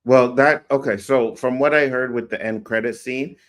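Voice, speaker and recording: A man's voice: medium pitch, fairly even intonation, moderate pace. A man hosting a casual chat, moving the talk along and teasing his guests with dry humor. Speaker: host.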